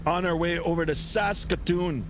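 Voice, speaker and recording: A man with a slightly raised voice chats easily with his viewers as he flies a simulator. His talk is loose and friendly, full of asides. There is clear background noise from his setup. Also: on the high side, steady tone, moderate pace. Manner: chatty, talks to viewers between radio calls. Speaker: flight sim streamer. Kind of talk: casual livestream chat.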